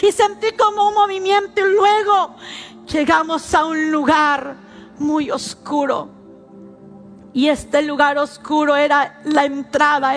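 Very high-voiced, slow woman preacher. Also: a bit bright. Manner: slow, fervent storytelling. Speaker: preacher giving testimony. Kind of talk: emotional testimony sermon.

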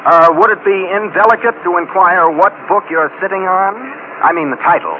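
An actor playing a dry, wisecracking detective's assistant in 1940s radio drama style. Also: male voice, sits high, brisk, lightly acted. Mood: wry. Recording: muffled old radio broadcast with hiss.

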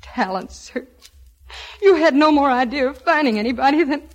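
An actress playing a spirited young chorus girl in a 1940s radio comedy-drama, sweet one moment and sharp the next. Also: high-pitched, normal speed, natural voice. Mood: cutting. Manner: sweet at first, then sharp and cutting.

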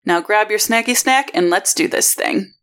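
A woman with a creaky voice reading scripted announcements and story recaps as a podcast host. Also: medium pitch, normal speed, a bit bright.

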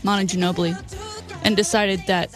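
A woman's voice: mid-range voice, level tone, fairly quick, soft background music. A woman co-hosting a sports talk show, conversational and opinionated in a casual style. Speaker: sports radio co-host.

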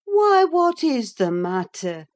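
In a classic-novel audiobook, a woman voices a sensible, firm female servant, speaking slowly in a fairly low, slightly mellow voice that stays animated. She is matter-of-fact, insistent and chiding even as she soothes her mistress.

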